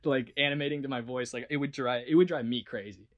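Male voice actor, mid-pitched, chatty and rambling, honest interview tone. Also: fairly even intonation, fast, lo-fi sound. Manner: rambling, full of "like" and restarts; earnest and self-reflective. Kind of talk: casual interview talk.

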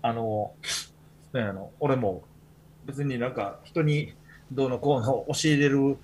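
Husky Kansai man, podcast host, easygoing chatty storyteller. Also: mid-range voice, a little slow, a little mellow. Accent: Kansai Japanese. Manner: rambling storytelling with many fillers. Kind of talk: casual chat.

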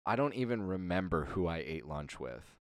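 A man's voice: sits low, big pitch swings, normal speed, smooth, no room sound. A young man in casual chat with friends, making dry, understated remarks.

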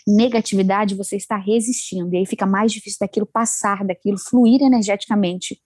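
A woman chatting casually about self-help ideas, animated and acting out inner voices. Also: medium pitch, brisk, no echo. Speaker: guest sharing self-help advice. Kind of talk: casual chat.

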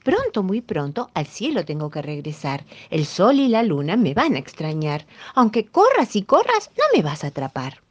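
A woman's voice: lowish voice, wildly swooping pitch, normal speed, hardly any pauses. A woman voicing a proud little male star man made of grass, chanting his lines in a sing-song rhyme.

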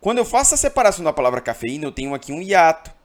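A man's voice: on the high side, very animated, rapid-fire. A man from Brazil teaching an exam-prep grammar lesson, emphatic and always checking in with his listeners.

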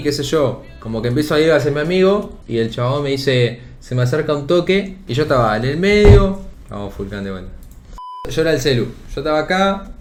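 Young man, Argentine accent, rambling animated storytelling, slangy fillers, mid pitch, echoey room. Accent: Argentine Rioplatense Spanish. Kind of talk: casual anecdote telling. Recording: roomy echo.

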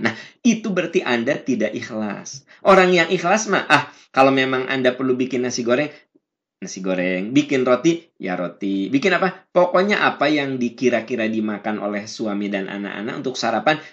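Lower-voiced Sundanese-accented male preacher at a study session, acts out wives in falsetto, lo-fi sound. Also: a bit bright. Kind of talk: religious study sermon. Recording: dull lo-fi recording.

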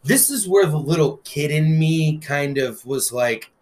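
A man's voice: fairly high pitch, a little slow. A man co-hosting a casual wrestling news chat, an eager fan who talks with lots of "um" fillers and the odd curse word. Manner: excited fan talk with frequent "um" fillers and some cursing. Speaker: podcast co-host.

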